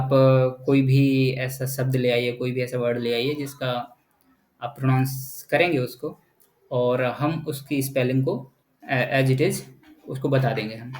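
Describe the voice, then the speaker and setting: A man teaching a lesson, explaining patiently and often checking in with the listener. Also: mid-range voice. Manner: patient, repetitive, checks in with "right?". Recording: echoey room.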